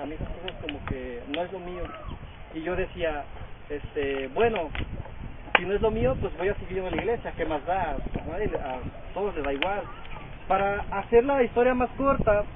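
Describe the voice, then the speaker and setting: High-voiced young man giving halting testimony. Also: noisy background. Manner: halting, many filler words. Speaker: testimony speaker. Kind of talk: personal testimony to a congregation. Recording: phone-like audio with crowd behind.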